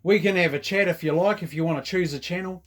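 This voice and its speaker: A man from New Zealand chats casually over the radio, speaking fast in a slightly high voice. His talk is informal and chatty, packed with operator jargon, and heavy background noise surrounds it.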